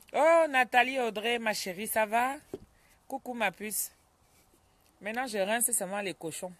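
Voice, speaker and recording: A woman chats into her phone on a live stream from home, greeting viewers one by one and turning aside now and then to a child. Her voice sits at a medium pitch. A faint hiss runs under the recording. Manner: chatty, greets viewers by name, scolds a crying child aside. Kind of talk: casual live-stream chat.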